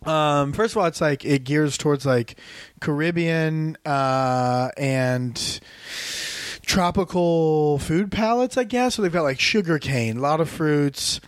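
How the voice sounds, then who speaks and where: A man's voice: a little high, slow, no echo. Chatty man, dry close sound. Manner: rambling, animated storytelling with many fillers. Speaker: podcast co-host. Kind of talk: casual podcast chat.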